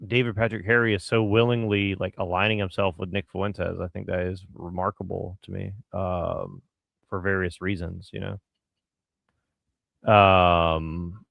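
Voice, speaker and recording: A man with a lowish, creaky voice offers casual reaction commentary. He muses and hesitates, recorded close and dry. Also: flat delivery, a little slow, no room sound, muffled recording.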